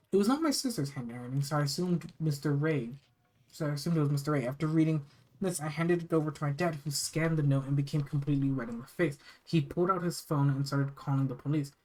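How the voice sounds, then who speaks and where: A storyteller from the United States reading a first-person horror story aloud in a halting way, often stumbling and repeating phrases. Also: medium pitch, fairly even intonation, a little mellow, poor audio. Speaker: narrator reading scary stories.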